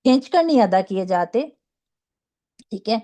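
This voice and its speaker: A woman teaching a Quran recitation class, patiently drilling syllables slowly and checking in with her students. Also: mid-range voice, animated, warm tone. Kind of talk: online class lesson.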